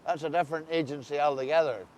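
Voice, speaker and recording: A man's voice: fairly even intonation, fast, darkish tone. A man with an Ulster accent interviewing someone conversationally as host, recorded outdoors. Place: outdoors beside a river. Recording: faint outdoor rumble and noise.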